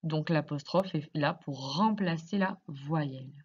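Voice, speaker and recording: A woman teacher explaining grammar to young children in slow, careful speech, asking many questions. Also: sits low, a little mellow, husky, highs cut off. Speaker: primary school teacher.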